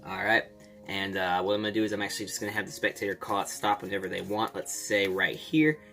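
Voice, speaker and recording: Give a man with a fairly low, very bright and forward voice, explaining things step by step as an amateur magician. He keeps it informal and chatty, speaking straight to his viewers, with music playing behind him. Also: quick pace, vocal fry. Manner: informal, addresses viewers as guys. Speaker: amateur magician giving a card trick tutorial. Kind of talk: casual step-by-step tutorial.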